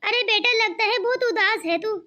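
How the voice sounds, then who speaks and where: A woman's voice: very high voice, normal speed, pushed and bright, lo-fi sound. A woman voicing a worried, protective mother in a cartoon, coaxing and fussing over her daughter. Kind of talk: cartoon voice acting.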